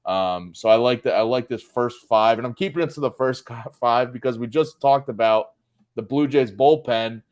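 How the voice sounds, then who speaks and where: A man's voice: medium pitch, normal speed. A man co-hosting a sports betting show, steering the talk and running through stats with frequent fillers. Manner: steady, filler-heavy, runs through stats. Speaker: co-host, betting analyst. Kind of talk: casual sports betting chat.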